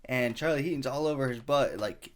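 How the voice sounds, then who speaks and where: A man co-hosting a podcast, talking in a relaxed, rambling way. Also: medium pitch, fairly quick. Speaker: podcast co-host. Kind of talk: casual chat.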